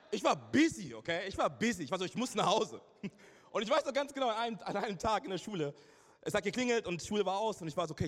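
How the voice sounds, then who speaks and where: A man in his thirties preaching a lively sermon to a live congregation, joking and asking them questions as he tells stories. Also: on the high side. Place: church service before a live congregation. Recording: reverberant hall.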